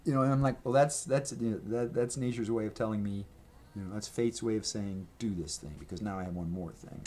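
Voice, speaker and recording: Fairly quick and a little mellow, a lowish-voiced vlogger rambles through a casual show-and-tell of his merch, talking into the camera mic at his table. He wanders, restarts and fills gaps with ums and you-knows, faint room ambience and slight hiss or hum underneath, in a room of gray walls and a red accent wall.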